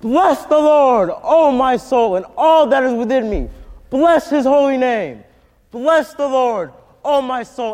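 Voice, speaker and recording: A devout man prays in solemn, pleading tones, as a man plays him on stage. He speaks very slowly and very high, with a long hall reverb following each phrase. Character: devout man praying in distress. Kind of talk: amateur stage play acting.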